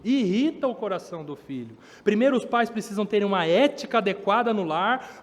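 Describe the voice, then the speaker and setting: A man with a high voice preaches a sermon, his words carrying a long reverb through a church hall. He builds up emphasis as he goes and slips into the voices of children and parents to make his point. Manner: preaching with rising emphasis, acting out children's complaints. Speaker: pastor.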